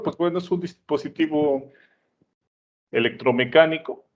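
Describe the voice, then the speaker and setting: With a medium-pitched voice and vocal fry, a man teaches at a whiteboard in a chatty way. The recording is dull and lo-fi, and he keeps checking in with his listeners through "¿sale?" and "¿no?"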